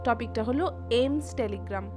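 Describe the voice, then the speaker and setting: A high-pitched woman from West Bengal, speaking with an Indian Bengali accent, presents an educational channel as a teacher. Briskly and over music, she delivers a scripted exam lesson to students and promotes her channel.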